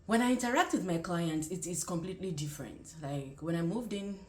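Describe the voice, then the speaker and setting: A young adult vlogger and nursing student with a Nigerian accent gives casual direct-to-camera advice, rephrasing her points as she goes in a conversational style. Her low-pitched, darkish voice is animated and fairly quick. The echoing, roomy sound suggests a bare room.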